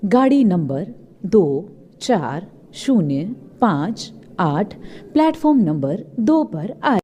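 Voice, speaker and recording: Woman mimicking a railway loudspeaker announcer; slow, lilting, warm PA delivery. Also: mid-range voice, big pitch swings, slight background noise. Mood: announcing. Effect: mimicked station public-address announcement.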